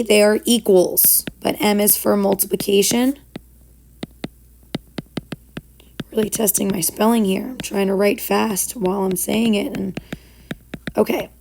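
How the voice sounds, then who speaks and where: A middle-aged woman teacher with a hoarse, swallowed, froggy voice that is giving out, explaining a recorded lesson informally and step by step. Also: mid-range voice, a little mellow. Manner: instructive, step-by-step. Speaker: school math teacher.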